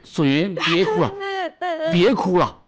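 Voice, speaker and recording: An actor playing a young man in a TV costume drama, coaxing and begging his weeping sweetheart in a husky voice. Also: high-pitched, animated, measured pace, lo-fi sound. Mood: pleading. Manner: pleading, coaxing, self-deprecating.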